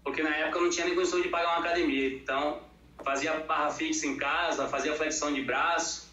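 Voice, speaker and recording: Speaking quickly in a high-leaning, pushed, bright voice with a steady tone, this Bahian Brazilian fitness professional talks informally as an interview guest. His manner is colloquial and plain-spoken, captured in a lo-fi, muffled recording with room echo.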